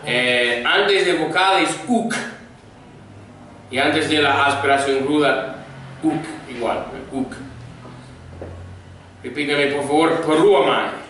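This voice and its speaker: A man's voice: on the high side, takes it slowly, pauses often, sharp tone. A man teaching a Koine Greek grammar class, patiently drilling vocabulary and asking the students to repeat after him. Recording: echoey room, mic far off, faint noise.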